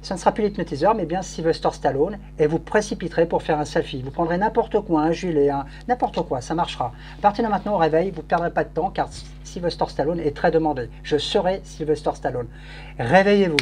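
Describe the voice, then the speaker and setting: A man's voice: fairly high pitch, fast talker, darkish tone. A man working as a hypnotist in a live show, giving repetitive, commanding suggestions punctuated by shushing. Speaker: stage hypnotist. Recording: noisy live recording with hum.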